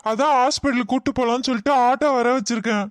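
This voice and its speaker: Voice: mid-range voice, quick pace, no echo, close to an everyday voice. A voice actor playing an earnest, helpful young man in a cartoon, speaking in a soothing, reassuring way. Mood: calm. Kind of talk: cartoon voice acting.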